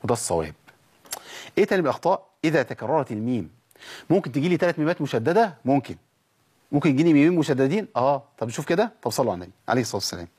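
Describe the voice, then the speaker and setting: A middle-aged man with an Egyptian accent teaching tajweed on a televised lesson, slowing down to recite examples between quicker explanations. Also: mid-range voice, very animated, darkish tone, slightly rough. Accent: Egyptian Arabic.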